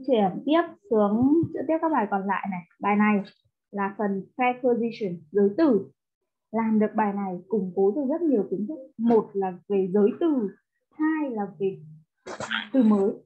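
A woman's voice: medium pitch, expressive, normal speed. A woman teaching English, tutoring one pupil and explaining words step by step in with English terms mixed in. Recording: tinny phone-like line.

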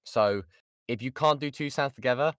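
A British man speaks at a medium pitch and moderate pace, his tone fairly bright and free of echo. He's a voice actor giving an informal lesson over an online call, close to the mic, chatty and jokey, often cutting himself off while taking audience questions.

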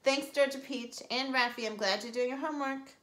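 A woman's voice: high-pitched, steady tone, fairly quick, fairly bright tone, pitched above the performer's own voice. A woman voicing a caring, protective mother in a storybook reading, in a roomy, echoey sound. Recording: roomy echo.

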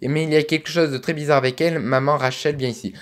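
A man's voice: on the high side, fairly even intonation, fast talker. A young man hosting a let's play, musing aloud and chatting as he reads a story game.

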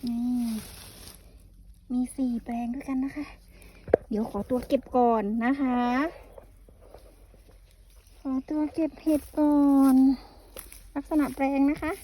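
A woman's voice: high-pitched, steady tone, slow, pauses often, dark tone, slightly rough. A woman mushroom farmer chatting casually in a vlog, explaining tips and exclaiming over her harvest outdoors in the hot sun. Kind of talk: casual farm vlog talk.

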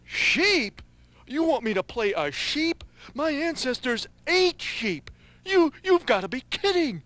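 A woman voicing a grumpy, proud puppet creature on a children's show who talks in a slow, grudging drawl. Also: on the high side, sing-song, slightly rough. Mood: indignant.

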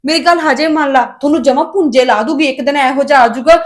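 Young actress as a defiant, sharp-tongued daughter; high, rapid delivery. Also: female voice, close to an everyday voice. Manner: defiant, quick arguing. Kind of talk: Punjabi family drama acting.

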